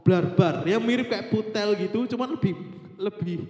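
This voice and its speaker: A man's voice: high voice, normal speed, darkish tone. Chatty young man in an echoey hall. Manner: chatty, mixes in English phrases, repeats "kayak gitu". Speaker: youth devotional speaker. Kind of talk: casual devotional talk. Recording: echoey hall with faint guitar.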